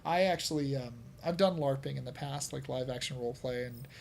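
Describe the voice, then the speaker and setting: A man's voice: mid-range voice, brisk, vocal fry, darkish tone. Guy rambling on a podcast, lots of ums and likes, faint hum behind. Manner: rambling, many fillers, laughs often. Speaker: podcast host. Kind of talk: casual chat.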